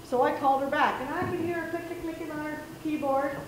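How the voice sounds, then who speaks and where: An actress playing a woman telling an anecdote in a lively storytelling manner. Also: sits high, fast talker, far from the mic, close to an everyday voice. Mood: wry. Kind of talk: theatre monologue. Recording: echoey stage, faint hiss.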